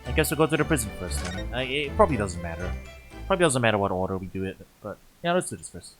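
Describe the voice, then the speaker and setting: A man's voice: lowish voice, very animated, fast talker, over music. A man casually commentating a story game on stream, thinking aloud and often restarting his sentences. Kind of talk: casual let's-play commentary.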